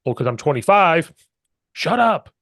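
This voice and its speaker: A man hosting a podcast who tells stories quickly and with energy, acting out the quotes in them. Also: a little high, no room sound, studio quality. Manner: quick, animated storytelling, acts out quotes. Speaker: podcast host. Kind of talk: podcast interview.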